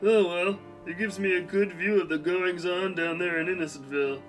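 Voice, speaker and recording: A man's voice: high voice, fairly even intonation, moderate pace, lightly acted, poor audio. A man voicing a dim, cheerful shapeshifting blob superhero in a comic audio drama, earnest and dopey. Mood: chatty. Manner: earnest, dopey, heroic declarations. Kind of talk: comedic audio drama acting. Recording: music bed underneath.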